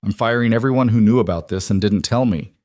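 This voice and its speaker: A man's voice: on the low side, fast talker, darkish tone, dry recording, clean studio sound, close to an everyday voice. A man reading the lines of a young mafia boss husband, tense, clipped and firm. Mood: strained.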